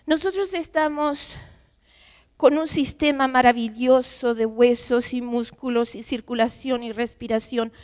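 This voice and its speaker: Woman pastor's wife preaching, high voice, big reverb church hall, emotional testimony. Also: a little mellow. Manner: emotional, emphatic storytelling with quoted voices. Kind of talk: sermon testimony. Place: church sanctuary.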